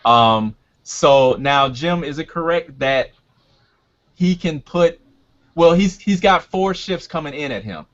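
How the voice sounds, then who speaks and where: Halting male game master, dull lo-fi sound. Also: fairly high pitch, lively intonation, fairly bright tone. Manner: halting, thinking aloud, checking rules. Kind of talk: casual narrating and refereeing of a tabletop game.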